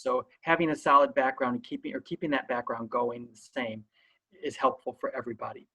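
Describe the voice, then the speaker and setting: Bright-voiced man explaining school procedures. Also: mid-range voice, fast, husky. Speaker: school principal. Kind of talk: online school orientation talk.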